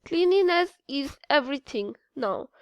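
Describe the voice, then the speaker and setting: A woman voicing a calm, kind hotel manager in a storybook, reassuring as she speaks. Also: high-pitched, unhurried, no room sound, dull audio.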